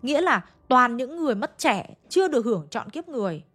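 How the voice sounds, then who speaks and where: A woman's voice: high-pitched, sing-song, brisk, fairly bright tone, slightly rough, pitched above the performer's own voice, heavily acted. A woman voicing an old grandmother who solemnly explains what has gone wrong, in a ghost story. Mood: grave. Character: old grandmother, grave and knowing.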